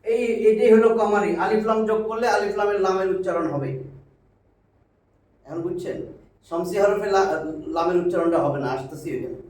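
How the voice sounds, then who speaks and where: A man's voice: sits high, a little fast, pauses often, darkish tone. A man teaching a Quran reading class. He speaks, talks patiently, repeats words and keeps asking if the class understands. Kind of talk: classroom lesson at a whiteboard. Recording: echoey room, mic far off.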